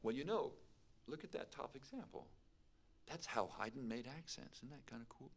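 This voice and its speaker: Lively, gravelly male piano teacher. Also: medium pitch, normal speed. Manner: chatty, asks the class questions. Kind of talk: piano masterclass lecture.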